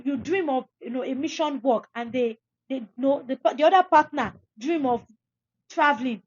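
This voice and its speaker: A young woman hosts a podcast in a high voice, handing listeners emphatic, preachy advice and repeating phrases for stress. The audio is dull, with no room sound.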